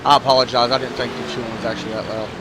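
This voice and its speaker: A man's voice: mid-range voice, little pitch movement, rapid-fire. Laid-back man calling a sim race. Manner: laid-back, joking, talks while chewing. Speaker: race commentator and stream host. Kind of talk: casual sim-racing commentary. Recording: clear background noise.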